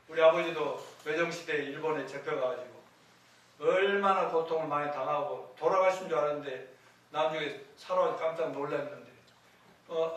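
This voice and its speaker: A man's voice: on the high side, fairly bright tone. An older man, a pastor, preaching a sermon in a conversational way, telling personal stories to his congregation. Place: church sanctuary. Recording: very echoey church hall, mic at a distance.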